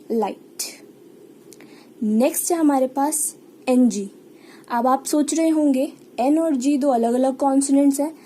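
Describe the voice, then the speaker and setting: A woman's voice: high voice, mellow, slight background noise. A woman with an Indian accent teaching a shorthand lesson step by step, patiently repeating key words and example sounds. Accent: Indian English. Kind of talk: online lesson explaining step by step.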